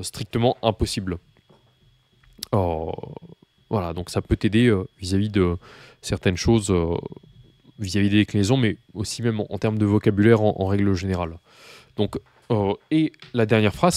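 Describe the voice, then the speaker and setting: Low-voiced man teaching. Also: darkish tone, no room sound. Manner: hesitant, many fillers and restarts; addresses the learner informally, patient explaining. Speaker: Russian language teacher. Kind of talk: spoken language lesson.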